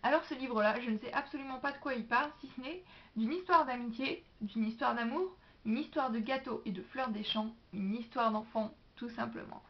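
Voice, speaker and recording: A woman's voice: a little high, a little fast. A young woman with a French accent chatting enthusiastically about library books in a casual vlog. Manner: chatty and enthusiastic, lively asides. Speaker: book vlogger. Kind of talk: casual book haul vlog. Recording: dull, lo-fi home video sound.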